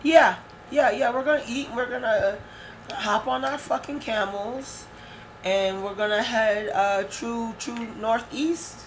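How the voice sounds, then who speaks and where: Animated slangy woman player, noisy background. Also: on the high side, measured pace. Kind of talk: casual tabletop play. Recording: background noise.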